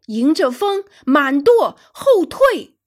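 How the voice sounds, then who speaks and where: A woman voicing a stern male naval captain who shouts commands on deck in a storybook reading. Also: sits high, sing-song, slow pace, voice pushed up, exaggerated voice. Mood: commanding.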